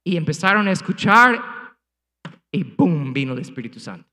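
A man's voice: on the high side, sing-song, normal speed, bright, forceful tone, long reverb tail. A man preaching a sermon as pastor, speaking emphatically with rhetorical questions and punchy sound effects before a congregation. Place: church sanctuary before a congregation, also streamed online.

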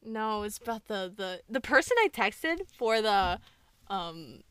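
A woman's voice: medium pitch, very animated, unhurried, fairly bright tone, smooth, dry recording. A young woman co-hosting a podcast in casual chat, playful and teasing, often breaking into laughter. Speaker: podcast co-host.

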